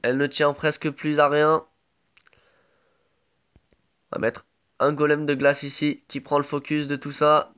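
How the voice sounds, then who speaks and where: A man's voice: on the high side, little pitch movement, measured pace, long pauses, a bit bright, clear, resonant tone, lo-fi sound. Chatty gamer man with a sore throat. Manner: chatty, peppered with "tac" and gamer slang. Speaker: gamer commentating his own match. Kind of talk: casual live gameplay commentary.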